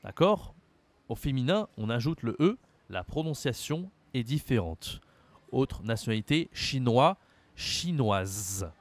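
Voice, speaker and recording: A man from France teaching a French lesson, slowly over-articulating example words and speaking directly to the learner. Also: mid-range voice, sing-song, a little mellow.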